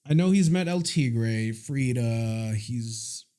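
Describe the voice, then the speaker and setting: Lively, mellow-voiced male streamer. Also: medium pitch, slow. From United States. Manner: chatty, reads and answers viewer messages. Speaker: live streamer. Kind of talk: casual live-stream chat.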